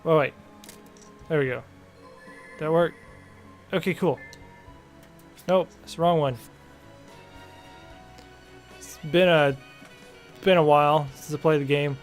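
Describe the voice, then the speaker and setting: A man's voice: a little high, fairly even intonation, takes it slowly, long pauses, soft background music. A man giving casual, rambling commentary while playing a video game, full of fillers and self-corrections. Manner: reads game dialogue aloud. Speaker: gaming channel host. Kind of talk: casual let's-play commentary.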